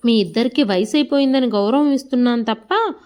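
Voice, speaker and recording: Woman doing a sharp-tongued daughter-in-law, loud and high, storybook read. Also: a little fast, close to an everyday voice. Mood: angry. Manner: shouting, indignant.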